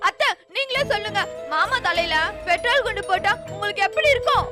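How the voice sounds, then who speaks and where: A wailing, high-pitched young wife. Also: female voice, expressive, quick pace. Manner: melodramatic, wailing comic complaints. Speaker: daughter-in-law. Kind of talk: TV serial acting. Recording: TV serial soundtrack with loud music.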